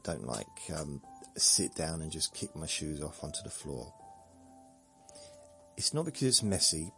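Guy with a really low gravelly voice rambling on a sleep podcast, soft music behind. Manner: meandering, self-deprecating, jokey asides. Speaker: podcast host.

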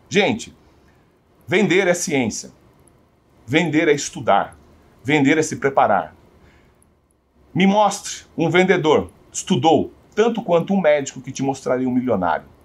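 A man's voice: on the high side, husky. A man with a Brazilian Portuguese accent giving a sales training talk, often putting rhetorical questions to his audience.

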